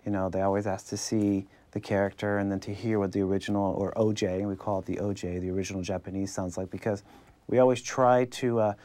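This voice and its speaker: A man, a voice director, talking in a relaxed, rambling way in an interview. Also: on the low side. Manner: rambling, loose.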